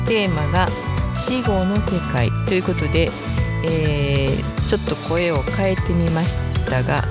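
A woman in her sixties with a Kansai accent hosting a casual solo talk show from her home closet, chatty and quick to laugh at herself. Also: deep voice. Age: 60s. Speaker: podcast host.

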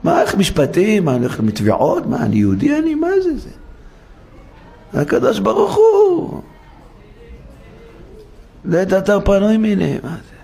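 A man's voice: high-pitched, wildly swooping pitch, creaky, pauses often, dark tone. A man giving a sermon as a rabbi in a synagogue, preaching with animation and acting out rhetorical questions and quoted voices.

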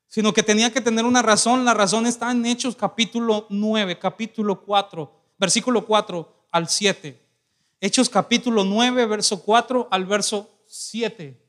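High-voiced man preaching a sermon. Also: steady tone, moderate pace, fairly bright tone. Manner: dramatic preaching, acting out quoted voices; asks the congregation questions. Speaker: pastor.

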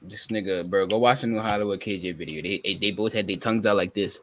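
Low-voiced young man, loose podcast banter. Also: fast, fairly bright tone. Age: 20s. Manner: loose, profane, teasing. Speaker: podcast host.

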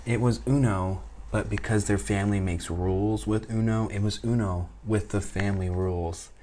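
A man chatting casually to the audience, telling an animated story and laughing often. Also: fairly low pitch, normal speed, a little hiss or hum. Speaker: vlogger recounting a trip.

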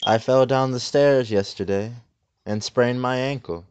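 Slow, soothing deadpan man. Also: mid-range voice, clear, resonant tone, dull audio. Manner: slow, calm, soothing delivery with deadpan repetition. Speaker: host of a parody meditation video. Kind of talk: deadpan parody of a guided meditation.

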